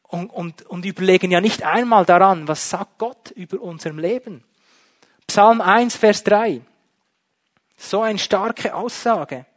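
A man preaching a sermon, emphatic, shifting between loud and soft. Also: sits high, a little slow. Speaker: pastor.

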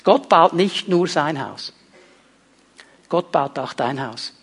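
A pastor preaching with a notably high male voice. He hammers home key phrases by repeating them, rising to loud, lively emphasis and then dropping to hushed, earnest delivery. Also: slow, breathy edge. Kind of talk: sermon.

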